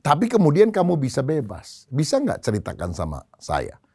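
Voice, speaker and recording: A preacher acting out a friendly, easily frightened rich farmer in a sermon story, talking in a flustered, pleading way. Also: male voice, fairly high pitch, huge pitch swings, normal speed, warm tone, slightly rough, no room sound, studio quality, heavily acted. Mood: curious.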